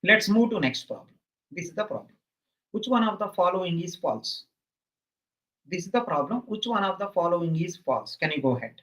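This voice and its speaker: A man's voice: high-pitched, very animated, fairly quick, bright, forceful tone, low-quality recording. A man with a South Indian accent teaching a live online exam class, emphatically repeating his phrases over and over.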